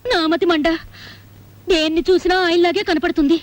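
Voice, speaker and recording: An actress playing a distraught wife who pleads tearfully in a film scene. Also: female voice, extremely high pitch, steady tone, a little fast. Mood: boastful. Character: distraught middle-aged wife seeking her husband. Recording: film soundtrack with music behind.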